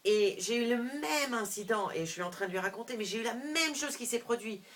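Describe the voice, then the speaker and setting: A middle-aged woman telling a personal story to camera, animated, with frequent restarts, moving between hushed and loud. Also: fairly high pitch, fairly quick. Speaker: vlogger.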